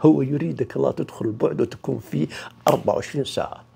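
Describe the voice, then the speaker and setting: A man giving an informal spiritual talk, swinging from loud emphasis to near-whispers. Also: medium pitch, racing, vocal fry, slight background noise. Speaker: spiritual teacher.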